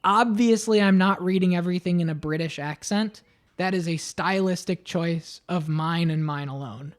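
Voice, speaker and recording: A woman's voice: on the low side, normal speed. A woman streamer reading a story aloud and chatting casually between passages. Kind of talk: casual chat and storybook narration.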